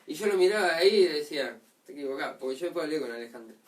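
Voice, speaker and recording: A man's voice: a little high, rapid-fire. Argentine contractor guy talking casual, lots of slang, telling stories, kinda far off the mic. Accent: Argentine Spanish. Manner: slangy, animated storytelling. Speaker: drywall contractor. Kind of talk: casual talk to workers.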